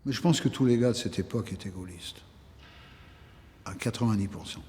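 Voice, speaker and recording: A man talking casually and haltingly in a documentary interview. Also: lowish voice, mellow, long reverb tail.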